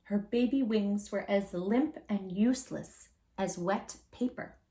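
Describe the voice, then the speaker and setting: This mid-range female voice belongs to a host performing a children's story with lively expressiveness. She leans on dramatic pauses and stretches words out for emphasis.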